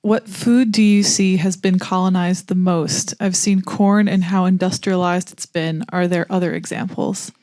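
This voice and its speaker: A woman's voice: on the low side, fairly even intonation, normal speed, few pauses, a little mellow, no echo, studio quality. A woman moderating a lecture, reading out an audience question in a plain, matter-of-fact way.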